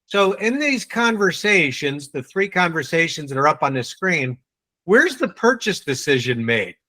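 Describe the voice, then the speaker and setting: Quizzing and teasing his listeners briskly, a New England-accented man leads a live online sales training. He speaks a little high in a sing-song manner, with a pushed, bright sound.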